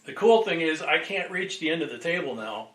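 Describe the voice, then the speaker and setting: A man hosting a casual livestream and greeting viewers, sounding distant from the boom microphone. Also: lively intonation, brisk, a bit bright. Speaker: livestream host. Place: indoors at a table. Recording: roomy echo, distant microphone.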